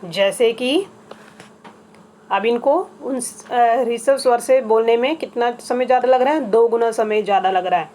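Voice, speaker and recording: A woman with a slightly high voice teaching children a grammar lesson at a slow, careful pace. She repeats each item patiently, one by one. Faint noise hums behind her voice. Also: a little mellow. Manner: patient, spells things out slowly with repetition.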